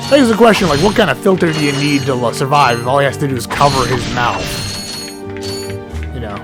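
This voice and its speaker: A man's voice: medium pitch, fairly quick. Rambling young man over game music. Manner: rambling, chatty, self-deprecating, many filler "like"s. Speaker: let's play gamer. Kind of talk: casual gameplay commentary.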